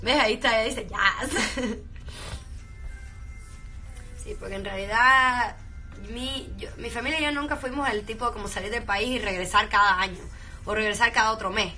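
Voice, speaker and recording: Switching between English and Spanish, a young actress from Venezuela with a Cuban Spanish accent casually answers fans, often laughing, using fillers and restarting. She speaks at normal speed in a slightly high, sharp-toned voice, leaving long pauses, with soft background music.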